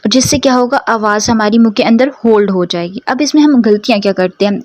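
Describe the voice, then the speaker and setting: A woman's voice: a little high, a little mellow, no echo. A woman teaching Quran letter pronunciation. She explains step by step, asks her students questions and draws out each model sound for them to repeat. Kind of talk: slow, careful pronunciation lesson.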